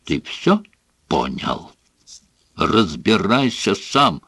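A man voicing a furious, bullying middle-aged father in an audiobook, shouting and scornful. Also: low voice, sing-song, extremely slow, breathy edge, no echo, full character voice. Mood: enraged. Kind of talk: audiobook character voice.

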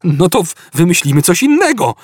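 Male narrator playing a brash, boastful space captain; high, jumpy, husky. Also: sing-song, fairly quick, dry recording, studio quality, exaggerated voice.

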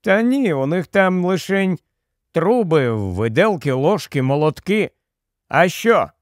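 A man's voice: on the high side, very animated, takes it slowly, no room sound, studio quality. A man reading a story, voicing a husband who brushes off his wife's worries in disbelief. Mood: dismissive. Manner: brushing off worry, incredulous. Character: puzzled, dismissive husband, middle-aged man.

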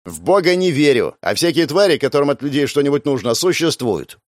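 A man voicing a hostile, drunken male football fan who shouts and chants his lines. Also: a little high, very animated, a little fast, no echo, clean studio sound, voice pushed up. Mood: defiant.

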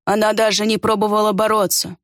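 A woman voicing a calm, grave male guard who speaks in a measured, thoughtful way. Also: mid-range voice, dry recording, studio quality, natural voice.

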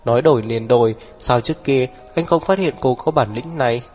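A man's voice: medium pitch, a little fast, darkish tone, faint music behind. Man narrating an audiobook steadily.

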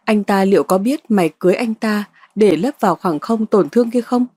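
A woman's voice: mid-range voice, brisk, mellow, husky, dry recording, close to an everyday voice. A woman voicing an arrogant, spoiled young woman who sneers and taunts. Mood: sneering.

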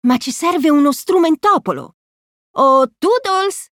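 A woman's voice: high-pitched, lively intonation, takes it slowly, no room sound, clean studio sound, pitched above the performer's own voice. A woman voicing a cheerful, eager cartoon mouse captain in a storybook reading.

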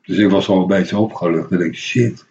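A man's voice: low-pitched, fairly even intonation, quick pace, warm tone, a little hiss or hum. Rambling man on local radio. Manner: rambling storyteller, many hesitations and restarts. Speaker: radio host. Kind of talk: casual anecdotal radio chat. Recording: dull lo-fi radio recording.

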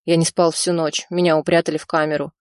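A woman's voice: low voice, level tone, fast, no room sound, clean studio sound, natural voice. A woman reading the part of a frightened Georgian man on the run, speaking tensely and insistently. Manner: tense, insistent, shouting on the phone.

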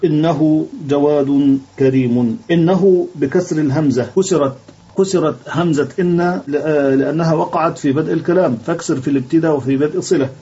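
A man's voice: fairly high pitch, mellow. Man teaching grammar over a dull call. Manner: explains slowly, repeating phrases and reading text aloud. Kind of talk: online grammar lesson. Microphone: video call. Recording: dull lo-fi online call audio.

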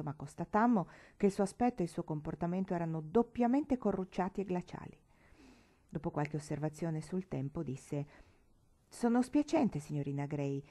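A woman reading a classic novel aloud as an audiobook, narrating in first person in a measured, expressive way. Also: deep voice. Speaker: audiobook reader.

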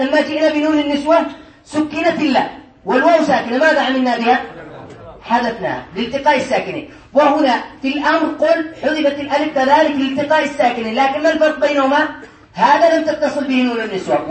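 A male teacher giving a classroom lesson on Arabic morphology, reading a text aloud, explaining it, and quizzing his students. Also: very high-pitched. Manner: quizzes the class, answers his own questions. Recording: echoey room.

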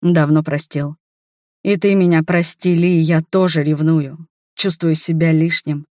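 A woman voicing a gentle, shy wanderer man who talks softly and tenderly to his beloved in an audiobook. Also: fairly high pitch, steady tone, measured pace, no echo, studio quality, natural voice. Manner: soft, tender and reassuring. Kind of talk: audiobook character voice.

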